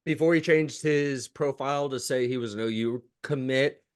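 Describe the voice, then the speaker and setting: A man's voice: mid-range voice, normal speed, smooth. A man co-hosting a sports podcast, chatting casually and animatedly about college football recruiting. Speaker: podcast co-host.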